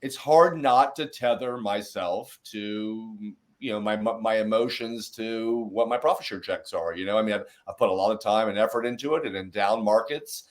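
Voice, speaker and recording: A man's voice: fairly low pitch, normal speed. A man hosting a casual interview, talking with energy and rambling through many fillers and restarts. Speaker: podcast host.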